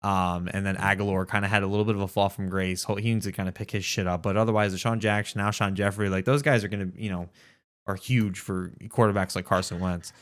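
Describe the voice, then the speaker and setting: A man's voice: low-pitched, fairly even intonation, quick pace, a bit bright, clear, resonant tone. A young man co-hosting a live podcast, talking sports casually, joking, teasing and swearing. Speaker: podcast co-host. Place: home, live online podcast.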